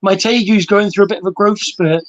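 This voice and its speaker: A man with a high voice chats casually, telling stories in an animated, teasing way. The audio is dull and lo-fi, and the recording is dry. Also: fairly quick, dry recording. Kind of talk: casual chat.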